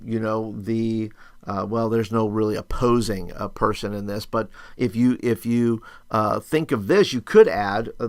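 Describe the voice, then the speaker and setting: A man's voice: lowish voice, no echo. A man talking like an upbeat youth pastor, teaching casually as he thinks aloud, asking and answering his own questions. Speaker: youth ministry teacher and video host. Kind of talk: casual instructional screencast talk.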